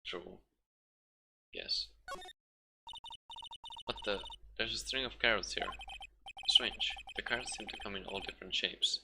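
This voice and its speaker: A man's voice: lowish voice, a little slow, vocal fry, long pauses, heavy background noise. A man live-streaming a game and reading its dialogue aloud, with casual, chuckling asides. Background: game music.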